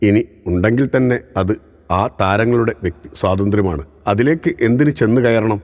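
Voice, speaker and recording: A man giving scripted news narration in a steady, formal reading voice. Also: fairly low pitch, brisk. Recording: long reverb.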